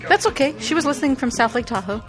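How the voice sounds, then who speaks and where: A woman's voice: high voice, animated, fast talker, over loud music. A woman co-hosting a radio talk show, chiming in upbeat on giveaways. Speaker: radio co-host.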